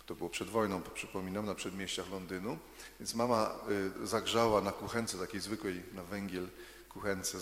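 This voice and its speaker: A man tells a story to a group of children, chatty and easygoing, stopping to put questions to them. His voice is low and gravelly. The sound carries a long reverb, as in a big, roomy hall. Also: fairly bright tone. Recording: echoey hall.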